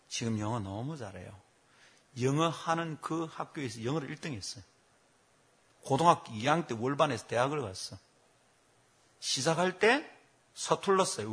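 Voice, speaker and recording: A man's voice: medium pitch, moderate pace, long pauses, slightly rough. A man, preaching a sermon as a pastor and telling stories with acted quotes. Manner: animated storytelling with acted quotes.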